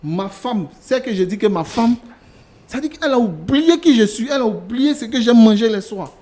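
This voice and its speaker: A man plays a worn-out husband who has had enough of his wife. His voice sits high for a man, and he repeats himself with insistent, exasperated complaints. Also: lively intonation, moderate pace, a little mellow. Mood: weary. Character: fed-up husband leaving his wife for the maid. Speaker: husband in a staged couple-counseling show.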